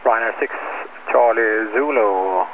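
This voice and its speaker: A man's voice: on the low side, slow pace. Man, air traffic controller, over two-way radio, clipped radio phrasing, tinny, faint static. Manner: terse, procedural. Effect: heard over a two-way radio.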